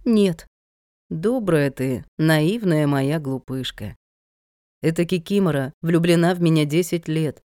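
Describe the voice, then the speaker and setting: A woman's voice: low voice, measured pace, mellow, no echo, studio quality. A woman voicing a manipulative man who talks down to his fiancée in a coaxing, condescending way, in an audiobook reading.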